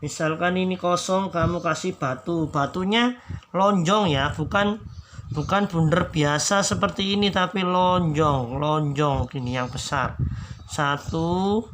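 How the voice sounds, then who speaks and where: A man's voice: on the high side, unhurried, fairly bright tone. A man teaching children to draw step by step, patiently repeating each instruction and counting strokes aloud. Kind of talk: slow step-by-step drawing tutorial for children. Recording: background noise.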